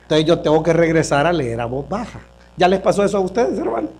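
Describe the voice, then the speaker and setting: A man's voice: a little high, sing-song, fast talker, darkish tone. A male pastor preaching a sermon at a church service into a microphone, often questioning the congregation and calling them brothers.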